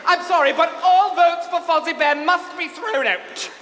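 A man's voice: very high voice, normal speed. A man playing Dumbledore, a flamboyant, scolding old headmaster with a fussy, theatrical manner, in a comic staged reading. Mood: scolding, exasperated. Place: on stage in a large hall. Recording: echoey noisy hall with live audience.

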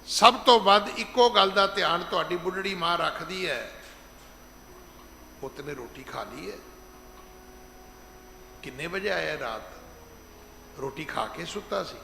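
A middle-aged man giving an emphatic sermon as head preacher, slowing down to stress scripture and acting out the people he quotes. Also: high-pitched, expressive, vocal fry, background noise. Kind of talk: gurdwara sermon. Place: large gurdwara hall. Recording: echoey hall with long reverb, faint ambience.

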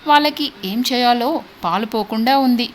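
A woman narrating a serialized story in a steady, expressive way. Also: a little high, moderate pace, a little hiss or hum. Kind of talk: audiobook narration.

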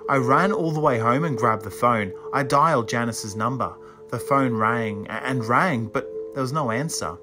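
Man reading a spooky story. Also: mid-range voice. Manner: measured, suspenseful reading. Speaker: audiobook reader. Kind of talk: first-person storybook narration. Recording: music playing underneath.

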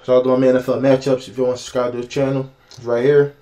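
A man's voice: mid-range voice, racing. A young man speaking, giving casual, slangy reaction commentary on a football game, talking straight to his viewers. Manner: excited, slangy, talks to viewers, laughs often. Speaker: sports reaction YouTuber.

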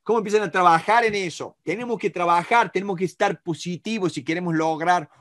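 A middle-aged man with an Argentine Spanish accent teaches negotiation in a live online class, lively and talking to students by name with frequent checks on whether they follow. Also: high voice, a little fast. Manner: animated, talks to students by name, many rhetorical checks. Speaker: negotiation instructor.

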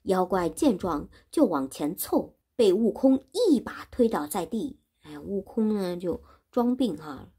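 A woman's voice: medium pitch, very animated, measured pace, hardly any pauses, dark tone, breathy edge. A woman teacher reading a classic story aloud and explaining it for learners, repeating and rephrasing things in simple words. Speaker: Chinese teacher.

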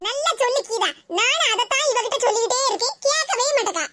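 Woman playing a meddling cartoon gossip with a Tirunelveli accent, very high and fast, on a noisy track. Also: animated, sharp tone, exaggerated voice. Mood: needling. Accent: Tirunelveli Tamil. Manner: needling, insinuating.

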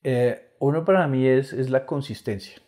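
A man's voice: mid-range voice, moderate pace, warm tone. A middle-aged man with a Colombian Spanish accent chatting casually as a comedian guest on a podcast, with frequent restarts. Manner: chatty, stammering restarts, laughs often.

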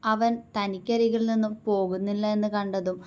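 A woman's voice: medium pitch, steady tone, normal speed. A woman steadily reading a romance story aloud as its narrator.

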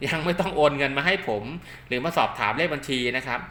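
A man's voice: medium pitch, fast talker, sharp tone. A man giving an informal hands-on product demonstration, explaining in a repetitive way with frequent polite tags. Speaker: product demonstrator and maker of radio link cables. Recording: clear background noise.

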